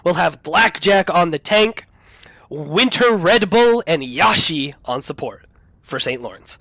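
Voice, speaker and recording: A man's voice: a little high, expressive, unhurried, pushed and bright, no room sound. A man casting a college esports final, upbeat and hyping up each player, a little under the weather. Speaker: play-by-play caster. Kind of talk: esports commentary.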